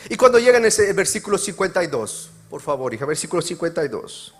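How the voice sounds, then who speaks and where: A male pastor preaching a sermon, moving between loud emphatic passages and quiet, slow explanation. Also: fairly high pitch, big pitch swings, breathy edge, faint music behind. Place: church service.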